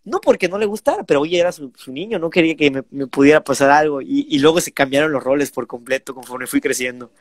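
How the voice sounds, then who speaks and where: Animated young Mexican man, dry sound. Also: a little high, fast, few pauses, dry recording. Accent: Mexican Spanish. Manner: animated storytelling, imitates parents. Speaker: bullfighter guest. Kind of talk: casual interview talk.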